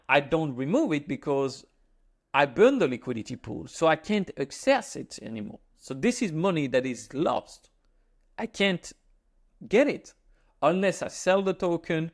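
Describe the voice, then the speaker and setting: A man speaking English with a French accent, his voice sitting a little higher than most men's. He talks straight to his viewers in a loose, chatty monologue. He drops in teasing, self-mocking jokes along the way. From France. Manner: joking, self-mocking asides. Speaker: finance YouTuber. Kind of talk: casual self-filmed monologue to camera.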